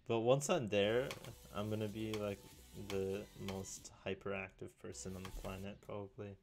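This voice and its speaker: A young man chatting casually to camera in a deadpan, rambling way, often restarting his sentences. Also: fairly low pitch, moderate pace, creaky, noisy background. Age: young adult. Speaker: video creator. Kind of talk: casual solo chat.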